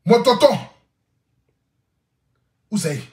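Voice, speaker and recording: A man's voice: extremely high pitch, animated, very slow, reverberant. A man telling a comic vlog story, boisterous, laughing often and repeating his phrases. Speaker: social media influencer. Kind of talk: casual comic vlog monologue.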